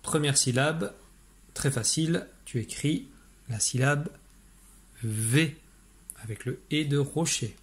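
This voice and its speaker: Patient man teaching a child to spell. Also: on the high side. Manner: patient, addresses a young child directly; slow, spelled-out dictation of sounds and letters. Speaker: primary school teacher. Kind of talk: online spelling lesson with dictation.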